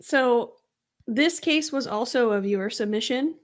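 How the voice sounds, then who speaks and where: A woman's voice: on the high side, unhurried. A young adult woman co-hosting a true crime podcast, chatting casually with lots of ums and easy laughter. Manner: giggly, filler-heavy, easygoing. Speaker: podcast co-host.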